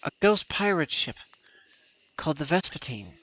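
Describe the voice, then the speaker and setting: A man voicing an earnest young male traveling historian in a fan-dubbed game, talking eagerly and quickly. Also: on the high side, big pitch swings, a bit bright, rough recording. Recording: clear music behind the voice.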